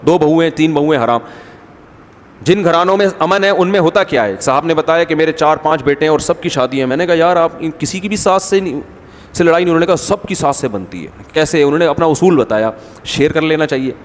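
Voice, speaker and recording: A man with a fairly high voice delivers a conversational religious lecture. He is wry and often acts out bickering relatives in their own tones. His voice rings out with the long reverb of a large hall. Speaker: Islamic scholar giving a talk.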